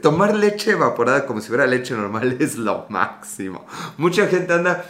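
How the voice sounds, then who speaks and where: A man's voice: mid-range voice, big pitch swings, moderate pace, fairly bright tone. A man with a Mexican accent hosting a casual livestream, chatty and joking, with a slightly sore throat. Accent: Mexican Spanish. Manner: chatty, greets viewers by name, jokes and digresses. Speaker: livestream host. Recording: echoey room.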